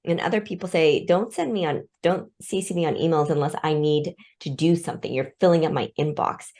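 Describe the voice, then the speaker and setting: A woman's voice: low voice, brisk, darkish tone. A woman in her forties, born in Vietnam and raised in Seattle, speaking as an interview guest and explaining her ideas with everyday examples. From born in Vietnam, raised in Seattle, USA. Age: 40s. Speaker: guest, organizational development consultant. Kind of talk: interview conversation.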